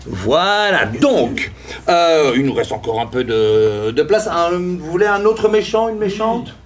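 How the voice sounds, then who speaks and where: A man's voice: on the high side, a little slow, slight background noise. A man hosting an improv show on stage, joking with the audience as he gathers their suggestions. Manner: playful, animated, jokes with the crowd. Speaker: improv performer. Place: theater stage.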